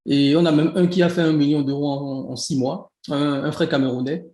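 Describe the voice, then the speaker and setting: A man's voice: a little high, fairly even intonation, fairly quick, mellow, reverberant. A man in his thirties from Benin with a Beninese French accent, a guest in a casual interview who talks with many restarts and laughs easily. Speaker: guest, e-commerce coach.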